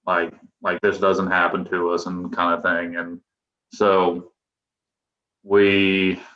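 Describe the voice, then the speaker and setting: A man in his twenties, a professional pitcher, chatting loosely as a podcast guest with restarts and chuckles. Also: monotone, slow. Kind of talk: casual podcast interview. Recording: echoey room, dull lo-fi sound.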